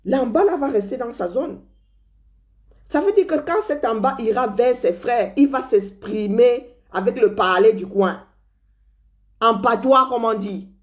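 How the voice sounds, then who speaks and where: A woman's voice: fairly high pitch, measured pace. A woman from Cameroon with a Cameroonian French accent, delivering a sarcastic, scornful political commentary.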